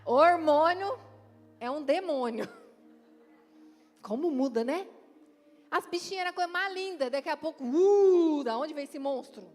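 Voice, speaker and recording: A middle-aged woman pastor from Brazil, preaching at a church conference in a lively, playful way and speaking straight to the congregation. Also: sits high, moderate pace, pauses often. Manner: lively and playful, acts out quotes, talks straight to the crowd. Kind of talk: conference sermon. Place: church hall, live event. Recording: long hall reverb with faint music.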